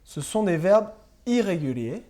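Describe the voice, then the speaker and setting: Woman, primary teacher, slow careful pace, warm low voice, lively pitch. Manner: slow, patient, spells out words letter by letter. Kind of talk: recorded remote spelling and grammar lesson.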